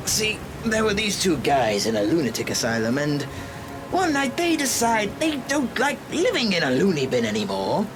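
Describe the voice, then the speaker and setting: A man's voice: on the high side, noisy background, exaggerated voice. A man acting a manic, taunting clown-like villain in an amateur radio drama, theatrical in his delivery. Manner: theatrical, swinging between mutters, shouts and cackles. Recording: echoey reverberant drama mix, loud music bed. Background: loud music, rain.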